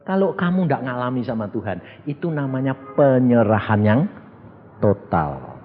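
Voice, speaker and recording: A male preacher tells a sermon story, swinging between loud exclamations and low murmurs. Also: very animated, moderate pace, soft background music. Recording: dull recording with long hall reverb.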